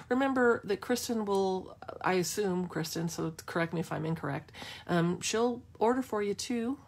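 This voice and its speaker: A woman with a somewhat low, husky voice leads a live craft demo from her studio. She talks in a chatty, playful way, thinking aloud and restarting her sentences as she answers viewers' questions. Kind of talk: casual live-stream Q&A.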